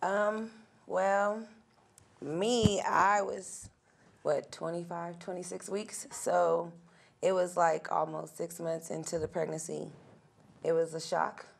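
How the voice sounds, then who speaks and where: A woman's voice: fairly low pitch, little pitch movement, slow pace, gravelly. A woman in her twenties from Denver, talking casually and a bit slangy as a guest. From Denver, Colorado. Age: 20s. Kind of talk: casual interview answers.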